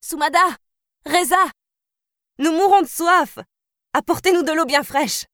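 An excitable sixteen-year-old princess, put on by a woman reading aloud bursts with eager, high-spirited joy. Her voice sits well above the reader's own. The storybook recording is dry and close. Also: measured pace, dry recording. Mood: excited.

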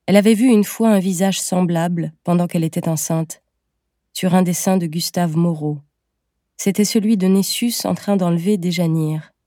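Low, mellow woman narrating a story. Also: dry recording, studio quality. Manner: measured, gentle storytelling. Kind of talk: scripted audiobook narration.

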